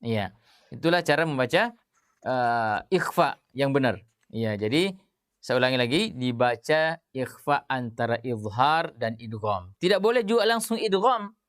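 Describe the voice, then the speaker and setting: Guy teaching quran recitation, smooth clear voice, dry close sound, stretches out the example words. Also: medium pitch, animated, fairly bright tone, dry recording. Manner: explains then recites words slowly and drawn out; many filler words and restarts. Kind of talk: tajwid lesson with recited examples.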